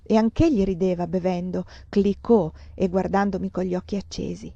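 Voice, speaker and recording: Dark-voiced woman reading a novel. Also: on the low side, normal speed, creaky, dry recording. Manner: expressive, dramatic. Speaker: reader. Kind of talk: literary audiobook reading. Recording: dull muffled sound.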